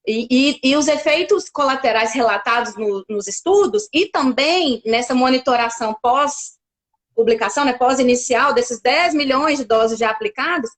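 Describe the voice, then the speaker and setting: A woman's voice: sits high, normal speed. A woman from Brazil, a pediatric doctor, explaining things carefully in a casual interview, with many fillers and restarts.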